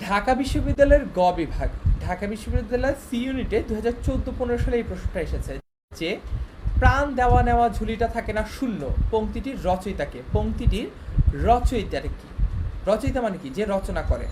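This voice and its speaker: A man's voice: sits high, animated, fast, background noise. A young man teaching a class, explaining step by step and often checking that his students follow. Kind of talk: online class lecture.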